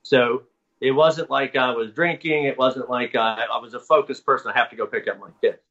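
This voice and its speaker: A man's voice: medium pitch, fairly even intonation, a little fast, a bit bright. A man in a casual interview, telling a long story in a rambling, self-correcting way. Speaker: guest recounting experiences. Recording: dull lo-fi audio.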